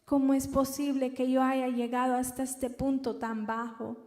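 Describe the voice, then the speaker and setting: A woman giving an emotional personal religious testimony, halting and repeating words as she speaks. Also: high voice, level tone, a little mellow. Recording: echoey room with long reverb.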